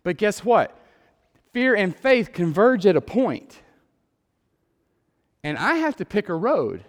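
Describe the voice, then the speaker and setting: A man with a Texan accent giving an earnest sermon-style testimony, repeating words and building to loud emphatic peaks. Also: sits high, big pitch swings, slow. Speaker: lay preacher. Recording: long hall reverb.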